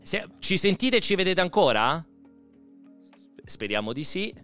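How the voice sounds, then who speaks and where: Excitable man, animated livestream banter. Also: high-pitched, measured pace, clear, resonant tone, faint music behind. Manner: excitable, profane, exasperated outbursts. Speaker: live streamer.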